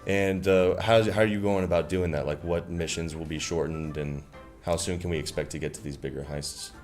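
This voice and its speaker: A man hosting a livestream interview, upbeat and chatty, filling gaps with quick affirmations. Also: sits low, steady tone, a little mellow, faint music behind. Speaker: stream host.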